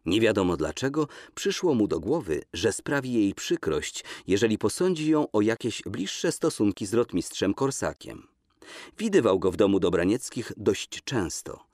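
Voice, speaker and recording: A man narrating an audiobook in a measured, expressive reading voice, recorded in a studio. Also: lowish voice, no room sound.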